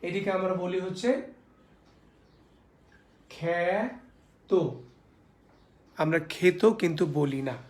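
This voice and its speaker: A male college teacher from Bangladesh giving a classroom lecture, repeating each rule, asking his students questions and saying example words slowly. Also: high-pitched. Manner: asks the class rhetorical questions. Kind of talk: classroom lecture on spelling and pronunciation. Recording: echoey room.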